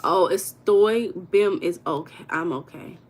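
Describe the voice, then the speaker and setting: A woman's voice: fairly low pitch, measured pace, darkish tone. American woman, livestream host, casual and chatty, talks straight to her viewers. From United States. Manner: chatty, addresses viewers as y'all, reads comments aloud.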